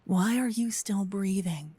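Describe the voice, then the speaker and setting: A woman takes on the role of a gentle but possessive female vampire kidnapper, self-declared protector, in an intimate ASMR roleplay recorded on a close binaural mic from ear to ear with no room sound. Her mid-range voice is soft, breathy and frequently whispered, tender yet menacing, slow and earnest with dramatic pauses.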